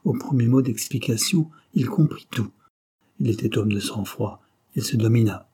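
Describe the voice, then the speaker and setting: A man reading a classic novel aloud as an audiobook narrator, with scripted narration at a measured, even pace. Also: mid-range voice, husky.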